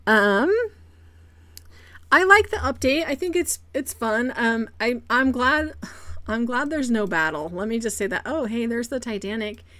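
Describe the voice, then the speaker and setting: A woman streaming a game live, chatting casually with her viewers and greeting them by name, with a quick excitable streak and repeated exclamations. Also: a little high, no echo. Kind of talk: casual live-stream chat while gaming.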